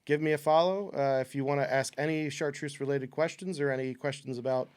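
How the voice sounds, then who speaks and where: A man with a Northern US accent, a spirits specialist chatting casually as a podcast guest, relaxed and rambling, laughing often. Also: fairly high pitch, fast talker, smooth, no room sound.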